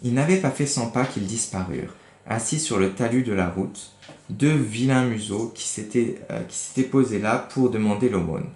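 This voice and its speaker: A man's voice: mid-range voice, moderate pace, a little mellow, a little hiss or hum. A man reading a children's book aloud, stopping to explain words and to correct his slips. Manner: stops to correct his misreadings. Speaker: reader. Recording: echoey room.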